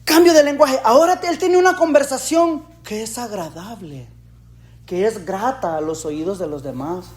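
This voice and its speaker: Casting: male pastor, high voice, lively sermon full of rhetorical questions. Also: moderate pace. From El Salvador. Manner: animated, rhetorical questions, jokey asides.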